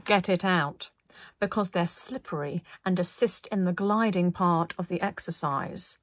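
A woman voicing a bossy, officious woman who leads a group, giving flat, businesslike commands loudly and slowly. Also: fairly low pitch, no room sound. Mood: instructive.

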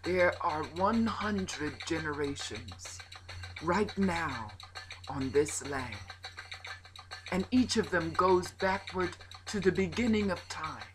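A woman voicing a calm wise old woman who judges the people, speaking in slow, measured pronouncements. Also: fairly low pitch, poor audio. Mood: solemn. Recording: nature ambience behind voice.

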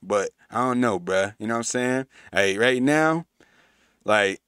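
A man's voice: medium pitch, lively intonation, a little slow, a bit bright, clear, resonant tone, no echo, studio quality. A man hosting a reaction video, talking in casual slang with hyped, emphatic praise and stammering restarts.

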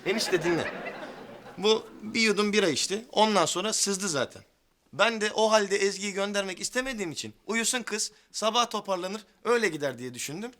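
An actor playing a young brother-in-law, a troublemaker who talks his way out with fast excuses. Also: high voice, lively intonation, fairly bright tone. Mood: pleading.

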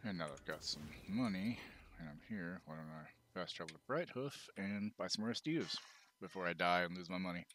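A man's voice: low voice, lively intonation, brisk, a bit bright, slight background noise. A middle-aged man giving casual, joking gameplay commentary, half muttering to himself as he streams. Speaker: game streamer. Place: indoor room, streaming setup.

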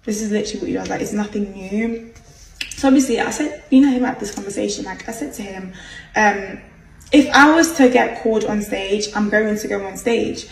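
A young woman talks straight into her phone at arm's length, chatty and exasperated, her voice a little gravelly with vocal fry. The room is echoey and she sounds a bit distant from the mic, with a faint hiss underneath. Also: mid-range voice, a little fast. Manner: chatty, exasperated, many "like" fillers. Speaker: vlogger. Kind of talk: casual story time to camera. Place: bright room indoors.

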